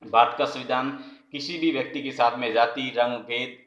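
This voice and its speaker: A man giving an online class lecture as a college political science lecturer, explaining step by step, repeating key phrases and pausing on "uh". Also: mid-range voice, steady tone, a bit bright, reverberant, dull audio.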